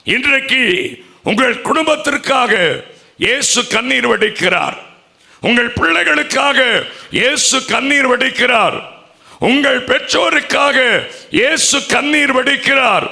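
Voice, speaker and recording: A man preaching a sermon at a church convention, crying out loudly at times and then dropping to hushed, low lines. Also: measured pace, gravelly. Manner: emotional preaching, swinging from loud cries to hushed low lines. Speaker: pastor.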